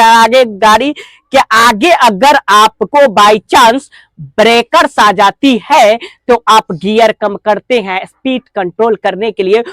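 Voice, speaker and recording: A woman's voice: fairly high pitch, fairly bright tone, dry recording. Indian woman drilling English syllables. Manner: drawn-out, stressed syllable drills. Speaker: spoken English teacher. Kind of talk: classroom lesson.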